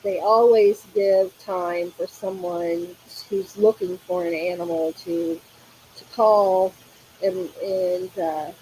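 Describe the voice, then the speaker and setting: Reading comments aloud during her casual crafting livestream, a woman with allergy-roughened hoarseness laughs often and leans on fillers. Her pitch is on the low side, her tone steady and warm, and she takes her time; the poor audio carries a little hiss or hum.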